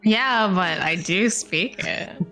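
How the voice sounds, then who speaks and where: A woman's voice: medium pitch, lively intonation, slow, bright, forceful tone, faint music behind. A woman bantering casually as a player in a tabletop role-playing game.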